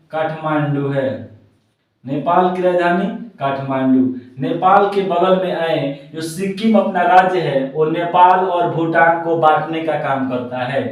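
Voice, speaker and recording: A man's voice: fairly high pitch, recorded from a distance. A man teaching a map-based geography lesson, saying each point twice and chanting lists of country names in a sing-song rhythm. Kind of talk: classroom-style map lesson. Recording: very echoey room, voice from away from the mic.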